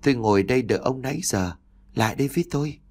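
A man voicing the ghost of an old wife in a horror audiobook, speaking in a cold, quiet, coaxing way. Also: mid-range voice, lively intonation, racing, pitched above the performer's own voice, lightly acted. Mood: cold, luring. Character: ghostly dead wife calling her husband.

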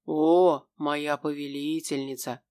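A woman voicing a smug, grumbling male demon in an audiobook, speaking slowly and drawing out her words. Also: sits low. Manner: slow, drawn-out and smug, at times breathy and soft.

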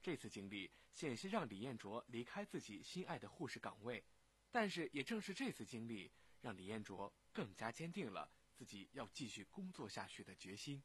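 A man's voice: medium pitch, big pitch swings, normal speed, a bit bright, slightly rough. A man reads the scripted narration of a radio feature in a formal broadcast manner.

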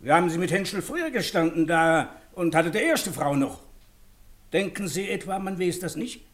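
A man's voice: high-pitched, lively intonation, moderate pace. An actor playing an insistent man reproaching his friend in an old radio play. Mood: reproachful. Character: agitated man accusing a wife, insistent. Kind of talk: 1950s German radio play acting.

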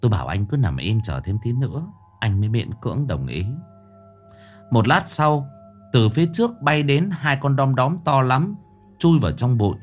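A man narrating a ghost story in a dramatic, expressive reading. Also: medium pitch, normal speed, soft background music.

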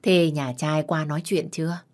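A woman's voice: deep voice, fairly even intonation, normal speed, a little mellow, lightly acted. Woman voicing an old bedridden grandmother. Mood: concerned. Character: elderly grandmother, bedridden and concerned.

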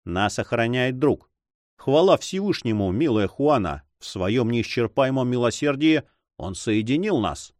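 A man's voice: medium pitch, sing-song, unhurried, a little mellow, dry recording, studio quality. A man reading an audiobook, voicing a passionate young man who speaks fervently and pleadingly. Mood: ardent.

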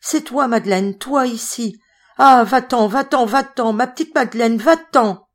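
A woman's voice: a little high, measured pace, voice pushed up, natural voice. Woman doing a frantic delirious young woman. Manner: frantic, breathless pleading. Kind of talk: audiobook character reading.

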